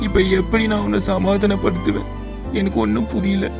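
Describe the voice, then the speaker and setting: A woman's voice: mid-range voice, sing-song, brisk, creaky, muffled recording, music in the background. A woman voicing a lovestruck young man in a cartoon love story, coaxing and teasing. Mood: tender. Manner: coaxing, playful. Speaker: hero.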